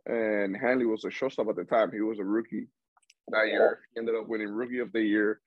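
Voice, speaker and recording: Low-ish young guy from cuba, rambling interview chat, dull dry sound. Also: steady tone, fairly quick, no room sound. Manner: rambling with frequent restarts and laughs. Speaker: interview guest, baseball player.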